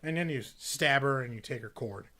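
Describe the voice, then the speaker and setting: A man's voice: medium pitch, moderate pace, pushed and bright. Young male podcast co-host, casual, rambling, filler-heavy. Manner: rambling, filler-heavy, acts out game characters in silly voices. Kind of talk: casual chat.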